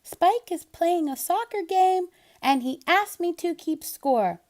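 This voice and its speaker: Storybook young male cat, female reader: excitable, sing-song, high-pitched, very animated. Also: slow, heavily acted. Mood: eager, bright.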